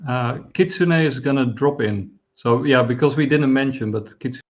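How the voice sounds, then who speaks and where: A man's voice: mid-range voice, moderate pace, dull audio. A man co-hosting a casual chat over an online call, his audio choppy and breaking up from a bad connection. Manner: easygoing, laughs often. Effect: choppy bad internet connection, breaking up. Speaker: co-host. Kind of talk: casual chat reacting to videos.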